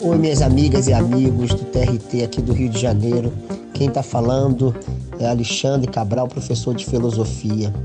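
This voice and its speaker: A man's voice: mid-range voice, steady tone, moderate pace. Friendly man introducing a series over music. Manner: friendly, personal address to listeners. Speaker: philosophy professor.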